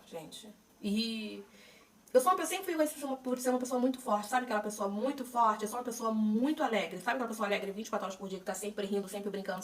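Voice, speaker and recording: A young Brazilian woman with a Brazilian Portuguese accent, openly telling her own story in a chatty personal vlog, with fillers and restarts. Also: medium pitch. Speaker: vlogger sharing her cancer treatment. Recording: voice a bit distant from the mic, faint noise.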